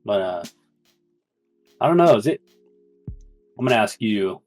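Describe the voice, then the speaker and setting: Young man, lowish voice, laid-back casual chat, says "dude" a lot, faint music behind. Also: very animated, measured pace, a little mellow. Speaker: co-host, cousin.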